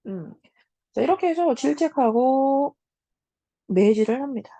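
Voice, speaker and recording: A woman teacher giving a casual lecture on a classic story, talking straight to her students with many soft hums between points. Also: high voice, animated, measured pace, no echo. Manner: casual, talks to students as 얘들아 with frequent hums.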